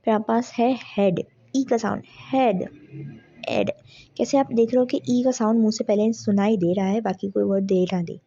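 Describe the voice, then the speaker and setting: A woman's voice: medium pitch, normal speed, gravelly, dark tone. A young woman gives an exam revision lecture, explaining step by step and mixing in English terms. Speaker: tutor. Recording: dull lo-fi audio.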